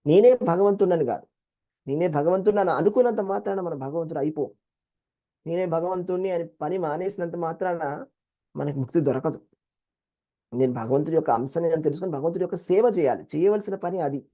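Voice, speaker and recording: A man with a Telugu accent teaching a scripture class, explaining verses in an animated way and acting out quoted voices. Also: fairly high pitch, quick pace. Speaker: Gita teacher.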